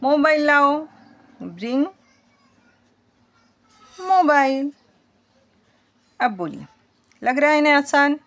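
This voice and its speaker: A woman's voice: high voice, big pitch swings, a bit bright, dull audio. A woman teaching a spoken English lesson in Hindi, patiently quizzing her students as she goes. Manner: slow, patient, asks the class questions.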